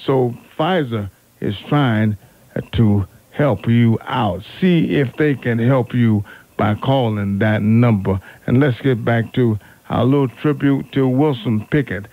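A man with a mid-range voice hosts an R&B oldies radio show, chatting off the cuff in a halting, fumbling way, repeating words and correcting himself as he goes. It's a radio studio aircheck with a narrow, phone-like AM sound and no room sound.

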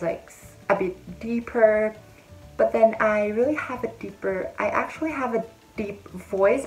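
Set against a bead-curtain backdrop indoors, this casual vlog features a young woman with a medium-pitched voice giving step-by-step advice in a chatty, friendly tone. The recording is rough.

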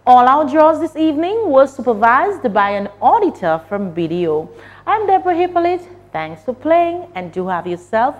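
A woman's voice: high-pitched, sing-song, moderate pace, lo-fi sound. A young woman, presenting a lottery draw in a formal, carefully enunciated way. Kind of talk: scripted TV lottery announcing.

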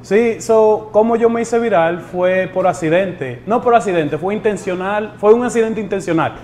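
A man's voice: sits high, moderate pace, darkish tone, a little hiss or hum. A man with a Dominican accent, born in the United States, talking easily in an interview and often repeating words. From born in the United States to Dominican parents. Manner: easygoing, repeats words, mixes in English phrases. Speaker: guest. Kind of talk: casual interview talk.

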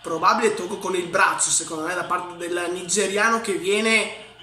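A man in his twenties giving live fan football commentary in speech, excitable and dramatic, with anxious, emphatic repetition. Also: high voice, moderate pace. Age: 20s. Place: room at home, indoors. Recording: roomy indoor echo.

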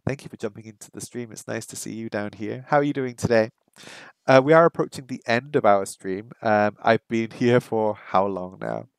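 Recorded roughly on a close, dry headset mic with no room sound, a middle-aged English-speaking man living in Hong Kong livestreams his Japanese learning from a small home room by a window. His lowish voice is gravelly yet clean in tone. In casual chat he talks to viewers, stops to slowly sound out practice phrases, and repeats words while working through them.

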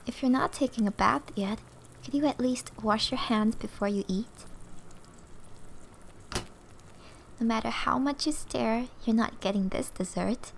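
A woman plays a flirty, teasing, affectionate wife in an ASMR roleplay, her voice soft, often breathy, and fairly high in pitch. Her delivery is playful and intimate, with a little hiss or hum in the recording.

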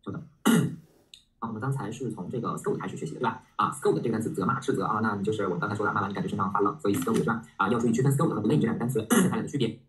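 A man's voice: fairly low pitch, very fast, poor audio. A man reviewing English vocabulary in a recorded lesson, chatty and often checking in with his students.

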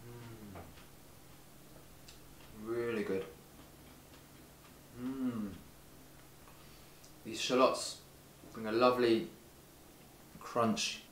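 A man hosting a home cooking video, giving clear step-by-step instructions and tasting the dish in his kitchen. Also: medium pitch, fairly even intonation, drawn-out words, long pauses, a bit bright, a little hiss or hum. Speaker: cooking show host. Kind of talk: recipe narration and tasting. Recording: background music under voice.

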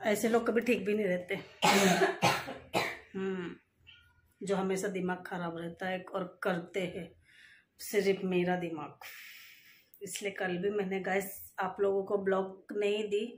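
A woman's voice: medium pitch, level tone, unhurried, pauses often. A woman in her thirties filming a casual family vlog at home, talking to viewers and snapping back in a quarrel with her husband. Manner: chatty, addresses viewers, turns sharp when arguing. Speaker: vlogger. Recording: echoey home room.

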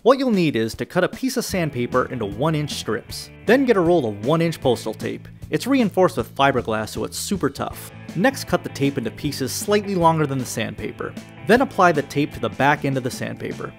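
Man, nasal voice, upbeat how-to narration, lively pitch, faint guitar music behind. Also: fairly quick, vocal fry. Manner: upbeat, jokey asides. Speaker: knife-making channel host. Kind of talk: instructional build narration.

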